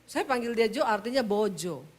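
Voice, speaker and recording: A woman's voice: on the high side, animated, normal speed. A middle-aged woman pastor from Sulawesi with a Sulawesi Indonesian accent, preaching a humorous sermon in a punchy, teasing storytelling manner.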